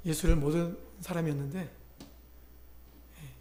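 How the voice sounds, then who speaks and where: A man's voice: fairly high pitch, steady tone, slow pace, mellow, reverberant. A male pastor preaching a sermon, retelling a conversion story and voicing the people in it. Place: church sanctuary.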